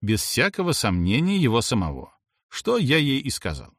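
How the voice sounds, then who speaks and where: A man's voice: medium pitch, wildly swooping pitch, moderate pace, fairly bright tone, no room sound, clean studio sound. A young man reading a first-person novel aloud with ironic expressiveness. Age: young adult. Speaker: audiobook narrator. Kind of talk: first-person audiobook narration.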